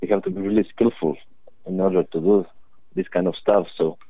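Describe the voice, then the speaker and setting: A young man from Croatia gives earnest, halting interview answers over a thin, phone-like line. His voice sits fairly low and sounds dry and close. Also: dry recording. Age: young adult. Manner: plain, earnest, halting phrasing. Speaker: cellist guest.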